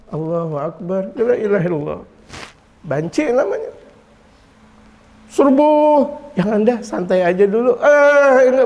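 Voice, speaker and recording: A man preaching a sermon to a congregation, animated, moving between soft explanation and loud exclamations. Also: high-pitched, dull audio. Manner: lively, swings from quiet to loud, chuckles often. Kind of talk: Islamic sermon in Indonesian. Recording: long hall reverb.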